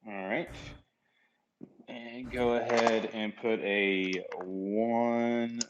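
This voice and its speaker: A man's voice: mid-range voice, little pitch movement, drawn-out words, dull audio. Man thinking aloud in a noisy room. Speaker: craps player calling bets. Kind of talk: casual chat during a dice game.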